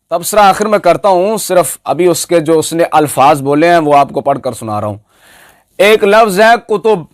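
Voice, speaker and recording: A man's voice: high-pitched, dry recording, studio quality. A man giving an emphatic, mocking religious speech that picks apart another scholar's pronunciation. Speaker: Islamic preacher.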